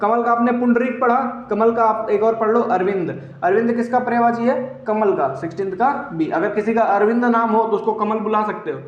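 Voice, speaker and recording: High-voiced joking Hindi exam teacher. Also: male voice, normal speed, hardly any pauses. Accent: Purvanchal. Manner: joking, repeats answers for students. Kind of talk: online Hindi exam class. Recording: roomy, dull lo-fi sound.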